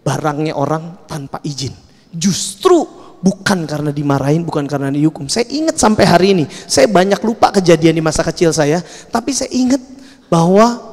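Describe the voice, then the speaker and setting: A man in his thirties with an Indonesian accent, preaching at a youth service through an animated personal story, mixing in casual slang and English. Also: fairly high pitch. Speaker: speaker. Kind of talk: sermon storytelling. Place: large church hall. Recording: long hall reverb.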